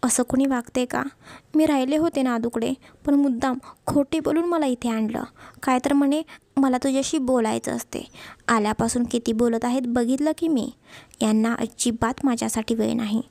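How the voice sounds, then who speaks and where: A woman's voice: fairly high pitch, fairly even intonation, normal speed, creaky, darkish tone, no echo. A woman voicing a stubborn, sulking young wife who pouts and complains. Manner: sulky, pouting complaints.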